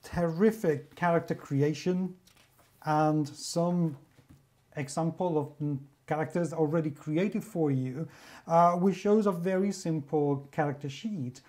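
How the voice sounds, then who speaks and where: Speaking unhurriedly in a mellow, slightly high voice, a magazine editor from Spain serves as guest reviewer. With a Spanish accent, he praises a beloved role-playing game in an effusive monologue full of superlatives.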